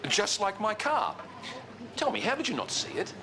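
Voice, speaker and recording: An actor playing a blustering, sardonic middle-aged boss in a TV soap. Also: male voice, high voice, wildly swooping pitch, moderate pace, full character voice. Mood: indignant. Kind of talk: television soap opera dialogue. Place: large indoor clinic reception. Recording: noisy ambient TV soundtrack.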